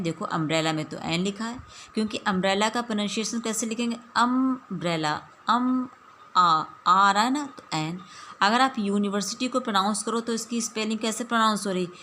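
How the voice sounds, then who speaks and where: A woman teacher explaining a grammar lesson patiently, mixing languages and repeating slow example sentences. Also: medium pitch, pushed and bright, slight background noise. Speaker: English teacher.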